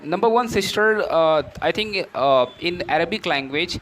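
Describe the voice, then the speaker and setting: Low-voiced patient woman tutor. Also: lively intonation, normal speed, slight background noise. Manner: patient, many short backchannels, addresses partner as "sister". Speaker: English tutor. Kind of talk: conversation practice and feedback.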